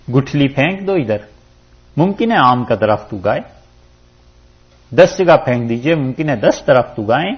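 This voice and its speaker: A man from Pakistan giving a religious lecture on Quran commentary, teaching with animated rises and drops for emphasis. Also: on the high side, breathy edge. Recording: dull lo-fi lecture recording.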